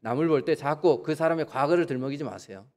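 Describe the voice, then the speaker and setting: A pastor gives a Sunday sermon in a church sanctuary. His voice sits a little high for a man. He keeps asking the congregation questions and acts out the people he quotes with sudden leaps in pitch. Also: animated, fast, darkish tone. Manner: asks the congregation rhetorical questions.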